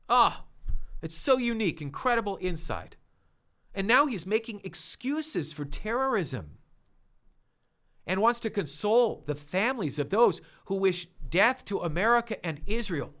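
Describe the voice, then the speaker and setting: A man's voice: sits high, sharp tone. A man hosting his own opinion show, delivering emphatic, indignant commentary with punchy repetition. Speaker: show host.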